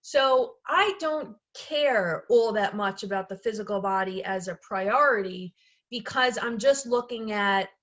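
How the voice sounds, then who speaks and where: A woman's voice: medium pitch, unhurried, a bit bright, lo-fi sound. A woman who works as a medical intuitive and energy healer, explaining her methods in an informal, chatty talk, often restarting phrases and checking in with the listener. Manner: chatty, self-correcting, frequently checks in with "okay" and "right".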